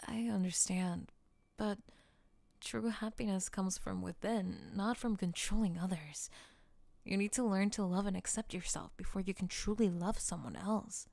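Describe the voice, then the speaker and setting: A woman voicing a calm young woman who frees her boyfriend by counter-hypnosis, speaking softly and soothingly in an audio roleplay. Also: medium pitch, normal speed, gravelly, no echo, lightly acted. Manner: soft, whispery, soothing hypnotic delivery.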